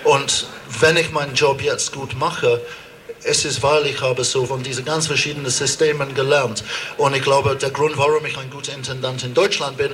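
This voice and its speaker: A man's voice: mid-range voice, level tone, moderate pace, fairly bright tone, slight background noise. A man from England with an English accent, speaking in a learned second language as an opera director addressing a demonstration, hesitant and searching for words with frequent ums. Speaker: opera director giving a rally speech. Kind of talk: public speech at a demonstration. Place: outdoor rally on a town square.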